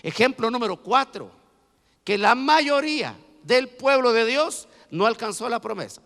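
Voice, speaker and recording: A man preaching a sermon as pastor, building to loud emphatic repetition, then dropping low. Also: expressive, a little slow. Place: church. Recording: reverberant church hall.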